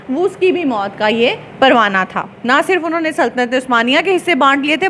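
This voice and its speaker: A woman teacher lecturing a class. She explains English words slowly, with many fillers and restarts. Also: sits high, fairly bright tone, a little hiss or hum.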